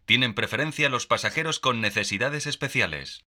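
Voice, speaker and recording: A man's voice: medium pitch, brisk, sharp tone. A man voicing a formal airport announcement, in a scripted public-address style.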